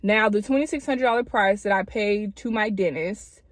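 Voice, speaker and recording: A woman's voice: mid-range voice, normal speed, dry recording. Woman doing a chatty vlog w retainers in her mouth, slightly impeded speech, slangy, dry close sound. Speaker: video creator addressing subscribers. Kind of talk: casual chatty vlog talk to camera.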